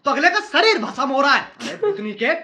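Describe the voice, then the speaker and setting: A man's voice: extremely high pitch, sing-song, fairly quick, pushed and bright. A man delivering mocking roast commentary over clips of a ghost-hunting show. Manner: mocking, sarcastic. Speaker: comic video narrator. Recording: noisy recording.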